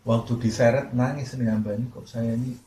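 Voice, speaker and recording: A man's voice: mid-range voice, steady tone, a little fast, dark tone. A man giving a sermon of Quran commentary, telling a story with Arabic quotes and rhetorical questions. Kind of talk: tafsir sermon. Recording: echoey room with faint background noise.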